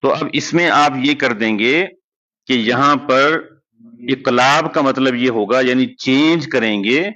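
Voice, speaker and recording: A man teaches a recitation class at an even middle pitch. He explains step by step and draws out example words slowly. The recording is dull and lo-fi, like a classroom captured on a basic mic. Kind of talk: classroom lesson. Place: madrasa classroom.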